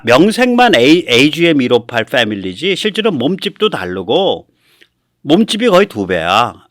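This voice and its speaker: A man's voice: mid-range voice, no room sound, studio quality. A man hosting a casual commentary show, talking in a folksy way and acting out quotes. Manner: lively, folksy, chuckles and acts out quotes. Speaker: host. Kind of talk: casual commentary on military affairs.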